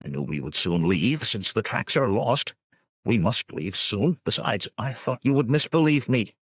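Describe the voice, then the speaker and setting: A man's voice: medium pitch, animated, husky, no room sound, studio quality, pitched above the performer's own voice. A man voicing a nervous, shifty male bandit tracker who talks defensively and in a rush. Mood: fearful. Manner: defensive, hurried.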